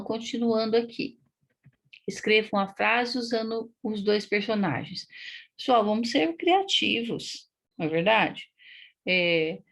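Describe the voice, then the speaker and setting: A woman teacher with a Paraná Brazilian accent explaining a lesson to young pupils, patient and explanatory, often checking in with "né?" and sounding out words slowly. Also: mid-range voice, creaky, fairly bright tone. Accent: Paraná Brazilian Portuguese. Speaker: primary school teacher. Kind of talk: recorded online lesson.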